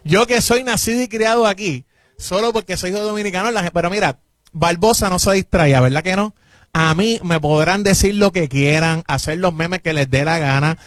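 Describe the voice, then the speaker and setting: This man, a Puerto Rican official with a Puerto Rican Spanish accent, answers interview questions at a moderate pace in a high-pitched voice. Mounting a political defense, he is emphatic and insistent and keeps circling back to the same points. The recording is dry.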